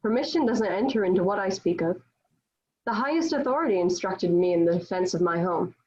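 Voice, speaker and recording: A woman's voice: medium pitch, animated, brisk, a little mellow, close to an everyday voice. A woman playing a devout, defiant young Joan of Arc in a dramatic table read, speaking in formal, declamatory period phrasing. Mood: defiant, scornful. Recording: dull lo-fi virtual-meeting audio.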